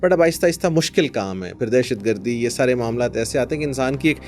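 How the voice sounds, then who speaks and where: A middle-pitched man with a Pakistani Urdu accent talks through his career in a warm, even storytelling voice, dropping English phrases into his sentences. Faint music plays under the conversation. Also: quick pace. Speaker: lawyer, podcast guest. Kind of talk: conversational interview answers.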